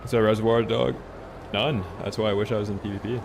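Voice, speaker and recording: Male game streamer, relaxed chatty delivery, gravelly fry, audible background noise. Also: on the low side, fast talker. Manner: laid-back, chatty, says "man" a lot. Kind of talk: casual live gameplay commentary.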